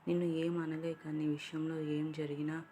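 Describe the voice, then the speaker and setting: A woman voicing a heartbroken young woman in love, confessing her feelings in an emotional, soft-spoken way. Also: deep voice, little pitch movement, moderate pace, a little hiss or hum, natural voice.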